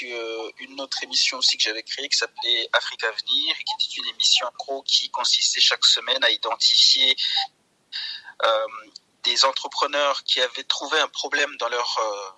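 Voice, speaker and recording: A Rwandan-born male journalist with a very bright, forward voice recorded close and dry. He answers interview questions articulately, pausing often on fillers. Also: mid-range voice, dry recording, low-quality recording. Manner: articulate, hesitant, with frequent fillers. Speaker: journalist guest.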